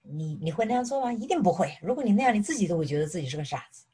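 A middle-aged woman from mainland China gives an animated sermon, mixing personal testimony with questions to her listeners. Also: fairly low pitch, very fast, breathy edge. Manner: animated, repeatedly asks "是不是". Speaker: preacher.

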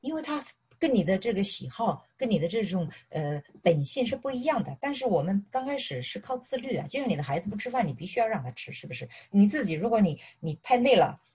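Breathy middle-aged woman preaching. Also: medium pitch, fast talker. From mainland China. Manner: animated, repeatedly asks "是不是". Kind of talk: sermon with personal testimony.

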